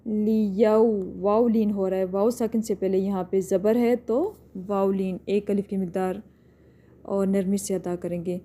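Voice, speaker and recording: A woman's voice: mid-range voice, level tone, dark tone. A woman teaching a tajweed lesson, patiently explaining each step and drawing out words as she recites.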